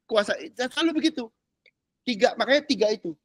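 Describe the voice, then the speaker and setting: Lively slangy man teaching a class. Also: very high voice, brisk, dry recording, clean studio sound. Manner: chatty, keeps checking the class understands, drops English words; uses casual Jakarta slang. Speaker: pastor teaching a discipleship class. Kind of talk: informal teaching talk.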